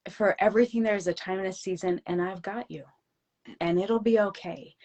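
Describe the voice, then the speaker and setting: A woman in her forties, a guest in an interview, talking in an earnest, heartfelt way. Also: medium pitch. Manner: earnest, heartfelt, talks about faith. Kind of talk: casual interview chat.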